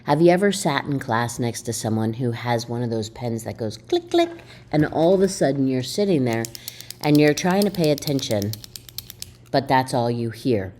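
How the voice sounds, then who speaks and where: Lecturing on video, this college instructor speaks with emphasis and energy, putting questions to her listeners along the way. Her voice is bass-deep, her pace moderate, and there's slight background noise.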